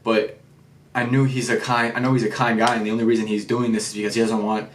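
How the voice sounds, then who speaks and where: A tearful young woman who keeps apologizing, her words soft and hurried, as a man reads her lines in his own voice. The room around her rings with echo. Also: medium pitch, flat delivery, recorded from a distance, slight background noise, natural voice. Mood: apologetic. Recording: roomy echo.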